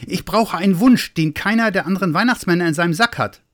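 Little excited Santa as put on by a male narrator, high breathless voice, storybook reading. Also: a little fast. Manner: eager, breathless and stammering. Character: small excitable young male Santa elf.

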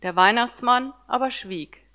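A woman reads a first-person story aloud, narrating calmly and evenly. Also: fairly high pitch, measured pace.

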